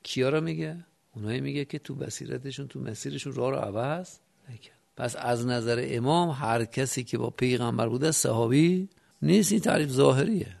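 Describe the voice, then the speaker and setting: A man with a heavily gravelly, creaky voice delivers a religious lecture. He builds his argument step by step, stopping to ask his listeners rhetorical questions, and now and then recites lines in classical Arabic. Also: mid-range voice, darkish tone. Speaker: cleric teaching religious text.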